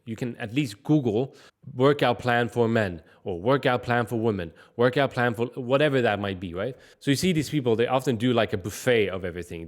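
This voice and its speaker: A man from Sweden, giving direct, conversational advice in a casual fitness vlog. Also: medium pitch. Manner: direct, conversational, frequent "like" and "I mean" fillers. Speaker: fitness vlogger.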